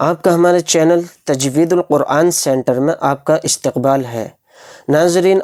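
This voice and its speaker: A man teaching a Quran reading lesson, who explains quickly and drills syllables slowly. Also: on the high side, darkish tone. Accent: Pakistani Urdu.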